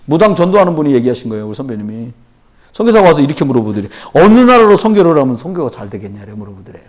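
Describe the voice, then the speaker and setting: A man preaching at a church prayer meeting, telling stories and acting out quoted voices, dropping to low murmurs and then rising to loud exclamations. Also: very animated, very fast. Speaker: pastor. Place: church sanctuary.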